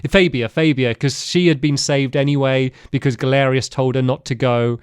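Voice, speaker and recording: A man co-hosting a podcast, chatting casually about a game in rambling, animated stories full of fillers. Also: medium pitch, normal speed, clear, resonant tone, no echo, clean studio sound. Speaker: podcast co-host.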